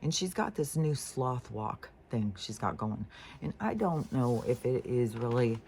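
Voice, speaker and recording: Profane, rambling vlogger with a gravelly voice. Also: mid-range voice, animated, unhurried, darkish tone, slight background noise. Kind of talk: casual storytelling vlog.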